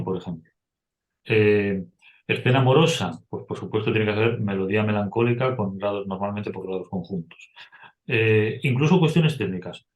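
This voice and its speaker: A man's voice: on the low side, reverberant. A middle-aged man teaching music, explaining step by step and humming short melodies as examples. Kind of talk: explanatory lecture.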